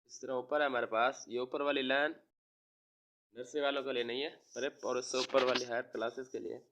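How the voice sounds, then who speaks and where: A man from Pakistan, a teacher giving a recorded lesson to young children, slowly spelling out words and repeating them. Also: medium pitch, level tone, fairly bright tone. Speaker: online school teacher.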